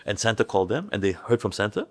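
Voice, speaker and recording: A middle-aged man telling personal stories as a podcast guest, halting and restarting his sentences, and acting out family members' voices when he quotes them. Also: on the low side, very animated. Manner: halting, with many restarts and repeated words. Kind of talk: candid personal storytelling.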